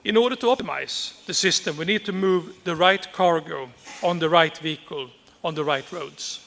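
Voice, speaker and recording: A man giving a formal prepared speech as a conference speaker, measured and deliberate, repeating key phrases for emphasis. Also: on the high side, creaky, a bit bright, big-room sound.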